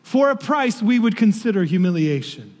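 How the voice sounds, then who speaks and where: A man preaching a sermon as pastor, slow and emphatic, falling to a hush on key phrases. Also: high-pitched, big pitch swings. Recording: reverberant hall.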